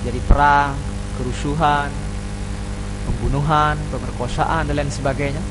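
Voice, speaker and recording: A man in his thirties speaking on a panel in a small room into a desk microphone, earnestly explaining religious teaching and chanting scripture verses slowly. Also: a little high, flat delivery, background noise. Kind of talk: religious discussion talk. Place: small indoor room at a table. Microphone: desk microphone on stand.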